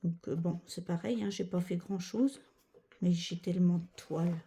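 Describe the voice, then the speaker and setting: A woman's voice: on the low side, steady tone, moderate pace, dark tone, a little hiss or hum. A woman chatting casually as a cross-stitch vlogger, rambling with many fillers and self-corrections. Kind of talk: casual chat.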